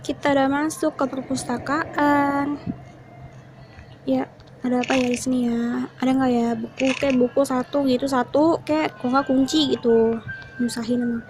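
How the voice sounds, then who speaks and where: High-pitched woman streaming horror games. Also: fairly even intonation, normal speed, darkish tone, slight background noise. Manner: muttering to self, repeating short words while reacting. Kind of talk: casual gaming commentary, explaining to viewers while playing.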